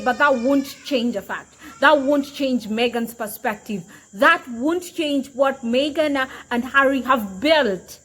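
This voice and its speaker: A woman with a high voice delivers opinionated commentary. She is emphatic and repetitive, peppering her talk with fillers. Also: fairly bright tone, slight background noise, low-quality recording. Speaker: commentary vlogger.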